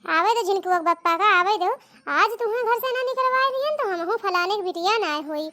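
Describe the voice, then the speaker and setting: A woman's voice: extremely high pitch, fairly even intonation, measured pace, a bit bright. A woman voicing a quarrelsome rural mother-in-law in a comedy cartoon, wailing and scolding theatrically. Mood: furious.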